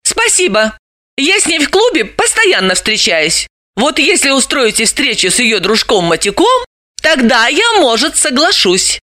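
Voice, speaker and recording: A sharp young woman, as the narrator puts her on; high, bright and emphatic. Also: very animated, a little slow, dry recording, clean studio sound, full character voice. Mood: indignant. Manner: emphatic, indignant. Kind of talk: audiobook character voice.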